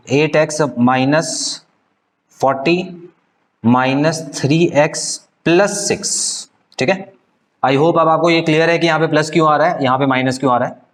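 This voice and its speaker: Slightly high-voiced math teacher. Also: male voice. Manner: explains step by step, often checks with "clear?". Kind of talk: live online math class.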